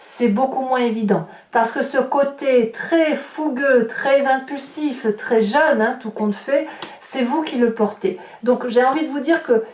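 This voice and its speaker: A tarot reader and host gives a reading to her viewers in a high, slightly mellow voice at a measured pace. She searches for her words and often repeats them. The room sounds roomy and echoing.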